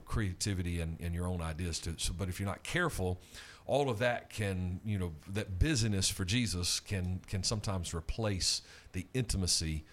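A man hosts a weekly faith radio program, upbeat and conversational. He interviews a guest and makes a ministry appeal, often pausing on fillers and restarting his sentences. His voice sits a little low for a man. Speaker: radio show host.

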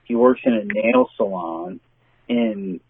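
A man's voice: lowish voice, slow, a little hiss or hum. A man calling in as a podcast guest, chatting casually in a hesitant, dry way with many fillers. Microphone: phone call. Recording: tinny phone line, dry.

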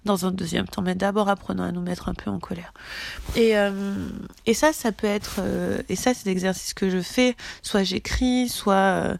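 A woman's voice: medium pitch, steady tone, moderate pace, vocal fry, no room sound. A woman coach giving a casual, blunt motivational talk, emphatic and swearing freely. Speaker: coach leading a group challenge.

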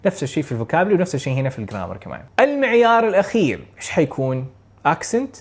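A man from Saudi Arabia with a Hejazi Arabic accent, coaching learners for an English speaking exam in an energetic, casual way. He chuckles often and slips English words and phrases into his Arabic. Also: a little high, very fast, breathy edge. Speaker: IELTS speaking tutor. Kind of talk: casual instructional talk to camera.

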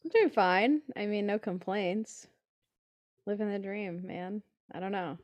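A young woman chats casually as a podcast co-host, blunt and laid-back with plenty of swearing. Her mid-pitched voice has very little room echo. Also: unhurried, a little mellow.

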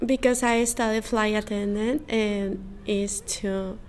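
A woman from Mexico, speaking shy, halting learner English. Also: medium pitch, fairly even intonation, slight background noise. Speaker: interviewee.

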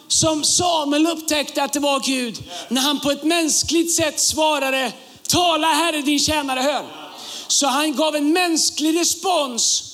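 A male pastor preaching a sermon with humorous asides, rising to shouts at key points. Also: very high voice. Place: church service with campuses.

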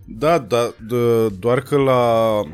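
A man's voice: medium pitch, clean tone, faint music behind. A man hosting a casual interview, asking dry, teasing questions. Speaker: interview host.

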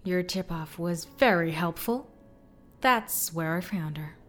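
A woman doing a hushed, icy ghost-hunter. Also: fairly low pitch, voice pushed up. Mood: calm. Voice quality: hushed, half-whispered. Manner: quiet, measured, calm. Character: cold, composed woman ghost-hunter for hire.

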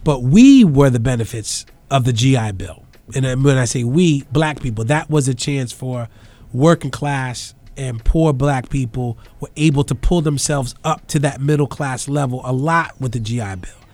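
A man's voice: mid-range voice, normal speed, darkish tone, no echo. Male, middle-aged, New York accent. Informal, emphatic commentator with a mid-range voice and very little room sound. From the Bronx, New York. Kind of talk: informal political and cultural commentary.

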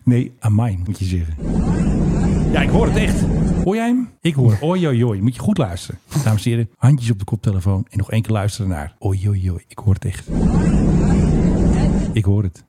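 A man's voice: on the low side, a little fast, long pauses, very noisy. A man co-hosting a podcast, chatting casually and teasing, telling stories with jokes. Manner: joking, teasing, lively storytelling. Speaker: podcast co-host. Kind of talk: casual chat.

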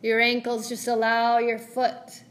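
A woman guides a meditation in her role as a yoga teacher, using a gentle, soothing voice and measured phrasing with long pauses. She speaks on the high side in a monotone.

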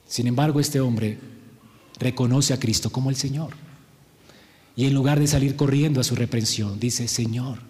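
A man preaching a sermon, emphatic, asking rhetorical questions and pausing for effect. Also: medium pitch, warm tone, in a large hall.

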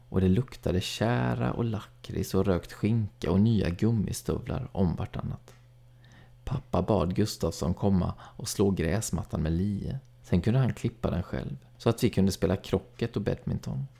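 A man narrating a first-person story in a calm, even storytelling read. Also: lowish voice, creaky. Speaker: audiobook narrator.

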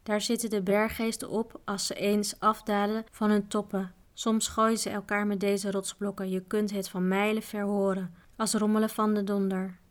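Storybook role: a practical, grumbling male mountain guide, read by a woman in an even, level tone. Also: mid-range voice, moderate pace, few pauses, lightly acted. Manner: grumbling, matter-of-fact.

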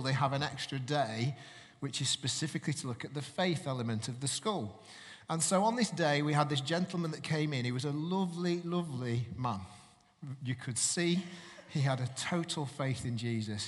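A man's voice: fairly high pitch, moderate pace, long reverb tail. A man from Manchester, giving a sermon in a chatty way and putting questions to the congregation. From Manchester, England. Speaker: preacher.

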